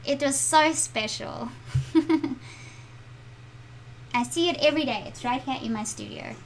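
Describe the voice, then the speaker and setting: A middle-aged art channel host with a South African accent keeps a measured pace, her voice sitting high over slight background noise. Drawing in her home studio on a live stream, she chats to viewers and reads their comments out loud.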